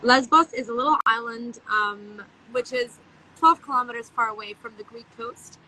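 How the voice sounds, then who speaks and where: Bright-voiced woman interviewing by the sea. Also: a little high, moderate pace, poor audio. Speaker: interviewer from a sports charity. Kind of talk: outdoor interview. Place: by the sea outdoors. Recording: faint outdoor noise by the sea.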